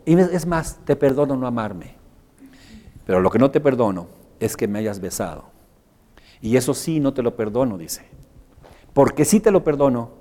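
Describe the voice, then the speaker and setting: A Mexican man leads a workshop in a room full of participants. His voice sits at an ordinary, middle pitch. He jokes with the group and drops his voice low and soft when he acts out examples. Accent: Mexican Spanish. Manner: animated, joking, acts out examples. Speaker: workshop instructor. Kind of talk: live workshop teaching. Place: workshop room with a live audience.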